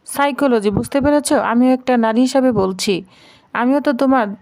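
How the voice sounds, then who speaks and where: A woman's voice: sits high, a little fast, darkish tone, close to an everyday voice. A woman voicing a suspicious, confiding aunt in a family household. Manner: wary, confiding. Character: suspicious young married woman, gossiping aunt.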